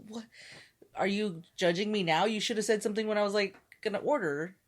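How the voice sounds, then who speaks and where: A woman's voice: mid-range voice, fairly quick. A woman podcast co-host chatting casually in a candid, joking way, with some swearing. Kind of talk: casual chat.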